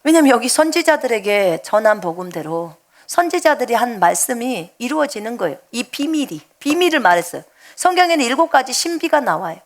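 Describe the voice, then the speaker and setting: Gravelly-voiced woman preaching a testimony. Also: fairly high pitch, very animated, a little fast, few pauses. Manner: emotional storytelling, shifts between loud outbursts and hushed asides. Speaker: missionary preacher. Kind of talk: sermon, personal testimony.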